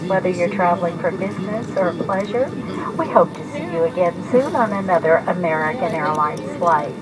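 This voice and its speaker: A woman's voice: fairly low pitch, normal speed, a loud crowd, low-quality recording. A woman flight attendant reading a scripted airline announcement to passengers, like those heard at airports. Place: inside an airliner cabin. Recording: cabin announcement amid loud aircraft noise.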